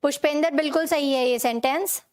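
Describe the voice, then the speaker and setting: A woman's voice: sits high, a little fast, darkish tone. A young woman teaching an online spoken-English class, drilling words again and again and checking in with students. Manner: repetitive drilling, frequent "ठीक है" check-ins; reads student comments aloud and answers them.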